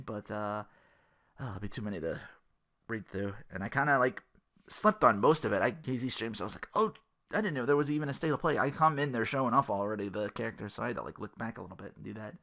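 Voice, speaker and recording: A gaming podcast host delivers a casual, rambling, slang-heavy monologue, frequently acting out quotes he imagines. His voice is medium-pitched with a fairly bright tone.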